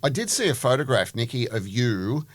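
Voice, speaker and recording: A man's voice: medium pitch, very animated, moderate pace, no echo. A man, asking questions as an interviewer in a conversational style.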